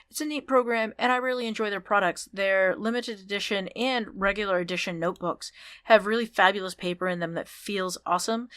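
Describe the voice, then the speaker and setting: A woman hosts her writing podcast alone and talks casually and upbeat, with fillers and small restarts. Her voice sits in a middle pitch. The recording is dry and close, with no room sound. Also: a bit bright, dry recording. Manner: chatty, upbeat, with ums and restarts. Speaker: podcast host. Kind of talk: solo podcast outro and shout-outs.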